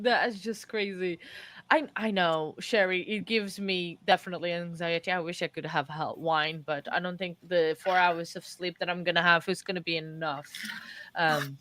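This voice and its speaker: A woman's voice: lowish voice, fairly bright tone, dry recording. A woman hosting a casual livestream chat in a jokey, scattered way. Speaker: livestream host.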